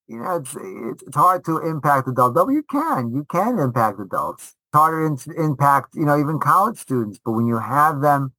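In a casual interview, a rabbi and high school teacher speaks with a bright, forceful, mid-range voice, recorded close and dry with no room sound but rough quality. Animated and emphatic, he restates short phrases to drive them home like a teacher making his point.

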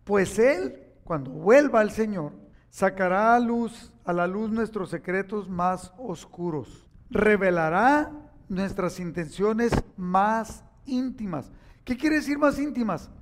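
High-voiced preacher telling stories. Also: male voice, lively intonation, slow. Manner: storytelling preacher, acts out quoted voices, rising to emphatic exhortation. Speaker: pastor. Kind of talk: sermon.

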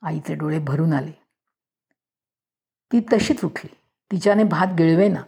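Woman reading a lively storybook. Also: low voice, unhurried, gravelly. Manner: lively, acts out each voice.

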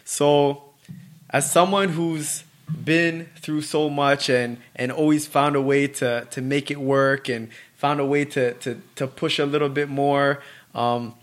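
A man's voice: fairly high pitch, flat delivery. Male podcast host; hesitant, filler-heavy interviewer. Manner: halting, filler-heavy questions.

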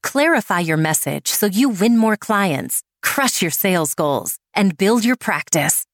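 A woman's voice: mid-range voice, expressive, a little slow, soft background music. A woman announcer reading a scripted podcast intro and ad in a polished, promotional way.

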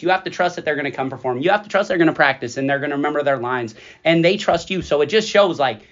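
This is a man co-hosting a casual interview. His voice is a little high for a man, and his phrasing is loose and playful. The recording sounds somewhat muffled. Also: a bit bright. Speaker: podcast co-host.

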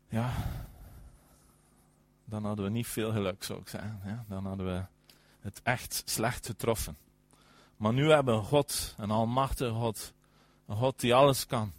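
A man preaching a sermon, emphatic, often affirming with "ja" and swinging between loud and soft. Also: mid-range voice, dry recording.

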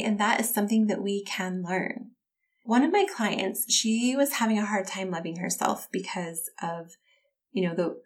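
A woman talks straight to her listeners as a life coach. Her delivery is encouraging and conversational, set at a medium pitch. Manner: warm, encouraging, conversational, addresses listeners as y'all. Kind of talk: self-help talk to listeners.

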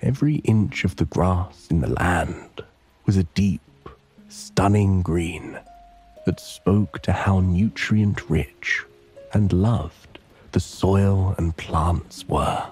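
A man with a low, mellow voice narrates a sleep story. He speaks very slowly in a hushed, breathy, soothing way, as in a guided relaxation. Soft music plays behind him.

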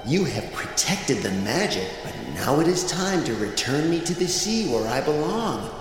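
A man voicing an ancient magical talking seashell, speaking softly in a hushed, solemn way. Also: on the high side, sing-song, moderate pace, very echoey, big-room sound, music in the background.

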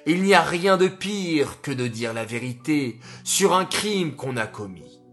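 A man voicing a scheming army commander who speaks in a falsely gentle, coaxing voice. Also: on the high side, expressive, unhurried, faint music behind.

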